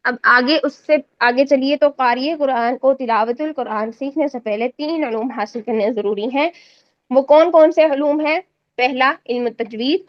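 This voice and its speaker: Lady teacher, high voice, walks the class thru it step by step, dry kinda lo-fi sound. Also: dry recording. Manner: explains step by step, asks students to confirm. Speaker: Quran recitation teacher. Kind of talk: class lesson explaining exam answers.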